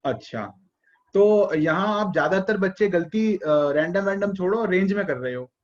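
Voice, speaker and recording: A man's voice: high voice, lively intonation, normal speed, lo-fi sound. A male teacher running an online class, patiently calling on students by name and coaxing answers out of them.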